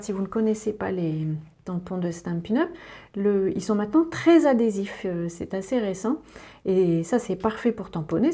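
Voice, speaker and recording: A woman's voice: medium pitch, mellow. A woman giving a hands-on papercraft tutorial, chatting step by step with little asides as she works at her table. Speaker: papercraft demonstrator. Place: indoors at a craft table.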